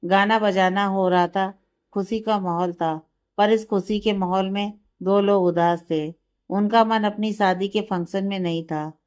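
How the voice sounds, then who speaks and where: Smooth-voiced woman narrating a story. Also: medium pitch, fairly even intonation, measured pace, a little mellow.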